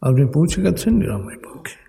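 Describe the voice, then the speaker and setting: A man leading a guided meditation in slow, soothing, measured instructions with pauses. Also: mid-range voice, sing-song, vocal fry, dark tone. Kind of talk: guided meditation, hypnotic countdown. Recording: long hall reverb over music. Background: music.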